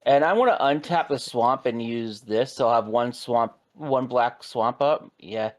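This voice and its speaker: A man's voice: mid-range voice, a little slow. Wry, teasing card-game man. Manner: wry, teasing trash talk. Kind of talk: casual banter at a card game.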